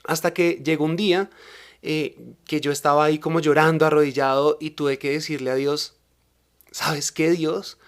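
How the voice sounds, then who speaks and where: A man's voice: fairly high pitch, level tone, brisk, clean tone. A man hosting a podcast, telling a personal faith testimony in a casual, self-deprecating way. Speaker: podcast host.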